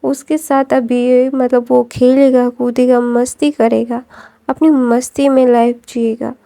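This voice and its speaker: Hoarse woman casually retelling a story. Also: high voice, level tone, unhurried, mellow. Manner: rambling, with many fillers and restarts.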